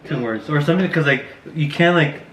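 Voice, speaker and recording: A man's voice: on the high side, brisk, fairly bright tone. A young man chatting casually with friends, hesitant and loosely phrased, with lots of fillers. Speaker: participant in a group mukbang chat. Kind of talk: casual chat among friends. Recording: echoey room, clear background noise.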